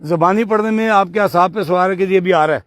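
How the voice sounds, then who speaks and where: A man teaching Quran recitation, patiently correcting a student and slowly modelling each word. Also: high-pitched, a bit bright, no room sound. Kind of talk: tajweed lesson correcting a student.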